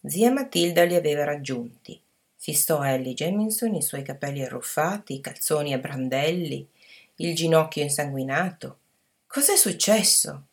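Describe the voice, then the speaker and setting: A woman narrating a story in an even, measured reading voice. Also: low voice. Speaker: audiobook narrator.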